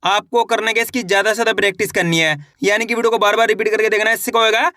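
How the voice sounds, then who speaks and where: A man's voice: high-pitched, steady tone, very fast, sharp tone, dry recording, clean studio sound. A man teaching beginners to read, sounding out each syllable and then blending it into the whole word in an encouraging, repetitive way. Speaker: Hindi reading teacher. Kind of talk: slow syllable-by-syllable reading lesson.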